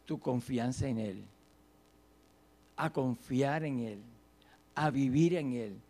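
A man preaching a sermon, swinging between soft, low phrases and loud, drawn-out emphasis.

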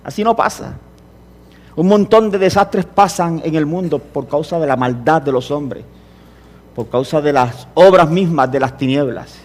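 A man preaching a sermon in an impassioned way, often rising to emphatic, forceful preaching. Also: a little high, normal speed. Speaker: pastor.

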